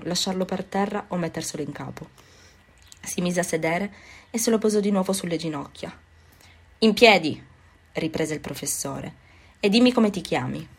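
Low-voiced woman narrating a novel. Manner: measured, expressive reading. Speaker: audiobook narrator.

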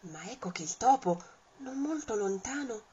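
A woman reading a rhyming children's story aloud in a lively, rhythmic, expressive way. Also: fairly high pitch, moderate pace, husky. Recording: dull lo-fi sound.

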